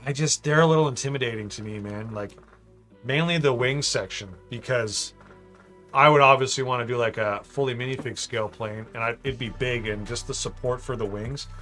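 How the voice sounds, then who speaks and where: Building a model on a livestream, this host chats casually, thinks aloud, reads viewers' messages and jokes with them. His mid-range voice sounds pushed and bright.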